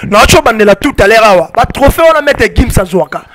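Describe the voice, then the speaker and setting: A man's voice: very high voice, expressive, crowd noise. A Congolese man in his thirties with a Congolese French accent mixed with Lingala, speaking emphatically as a fan club spokesman into a handheld mic outdoors. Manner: emphatic, rapid French-Lingala mixing, repeats "on se comprend". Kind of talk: heated interview answers. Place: outdoor porch of a building. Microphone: handheld mic held by interviewer.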